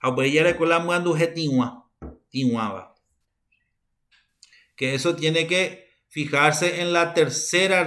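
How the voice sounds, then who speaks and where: Slow, halting Paraguayan woman teacher. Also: extremely low pitch, a bit bright. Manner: unhurried, halting, repeats phrases. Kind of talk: recorded university lecture.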